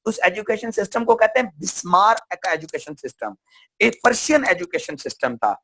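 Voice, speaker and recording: A man's voice: high voice, sing-song, normal speed, vocal fry, a bit bright. A man from Pakistan giving a motivational seminar talk, asking questions and answering them himself. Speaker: seminar speaker.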